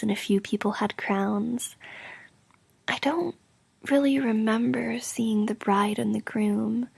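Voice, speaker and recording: A woman doing a whispered role-play as an affectionate, sleepy girlfriend, speaking softly, drowsily and intimately in a breathy whisper with creaky edges. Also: mid-range voice, no room sound. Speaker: roleplay audio performer playing a sleepy girlfriend.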